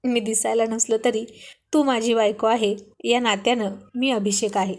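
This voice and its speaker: A woman's voice: fairly high pitch, steady tone, normal speed, lightly acted. A woman voicing a young husband teasing his wife on the phone in a Marathi storybook reading. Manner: gentle playful teasing.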